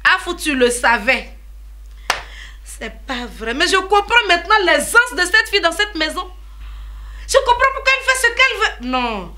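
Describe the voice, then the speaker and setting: An actress with an Ivorian French accent playing a proud, quick-tempered married older sister in a TV drama. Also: female voice, extremely high pitch, very animated, a little hiss or hum, full character voice. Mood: shocked. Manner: scolding, indignant, rising to shouts. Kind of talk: TV drama acting.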